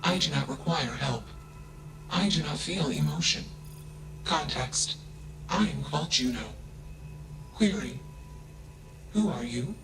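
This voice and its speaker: A man voicing a self-aware machine intelligence in a video game, speaking flatly and without emotion, opening each clipped statement with a one-word tag. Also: medium pitch, slow pace, vocal fry, long pauses. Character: flat emotionless self-aware AI who insists it is a person. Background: game music.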